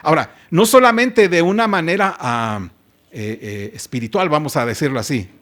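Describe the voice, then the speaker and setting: Male pastor, high voice, chatty sermon full of rhetorical questions. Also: expressive, moderate pace, a bit bright. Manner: conversational, asks the congregation rhetorical questions.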